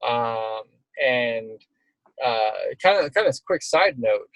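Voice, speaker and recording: A man's voice: medium pitch, animated, slow, a bit bright, dry recording, low-quality recording. A middle-aged man speaking as an interviewed storm chaser, casual and reflective, talking in rambling stop-start phrases.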